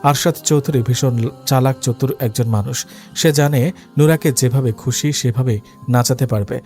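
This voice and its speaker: A man narrating a dramatic story in a steady, scripted reading. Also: mid-range voice, normal speed. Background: faint background music.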